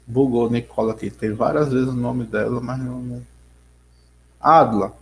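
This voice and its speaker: With a Rio Grande do Norte accent, a man teaches an online geography class over a video call, using his computer mic. His medium-pitched, gravelly voice stays steady at a moderate pace, though the recording quality is low. He rambles, restarts sentences often, and calls on students by name.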